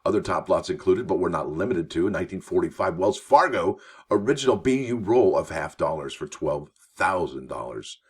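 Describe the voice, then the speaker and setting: Deep husky-voiced man hosting coin news. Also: expressive, fairly quick. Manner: chatty, enthusiastic, reads articles aloud with asides. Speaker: coin news show host. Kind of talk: casual news commentary.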